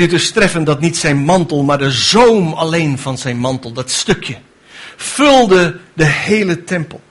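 A man's voice: on the high side, a bit bright, husky. A man preaching a sermon with fervent delivery, building to emphatic rhetorical questions.

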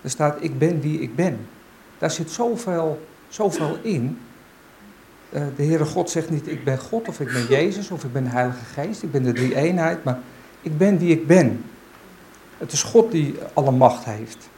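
A man speaking at a church gathering, giving an informal Bible talk and reading aloud. His delivery is halting and unsure, as he searches for his words. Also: on the high side, expressive, dark tone, slight background noise, low-quality recording.

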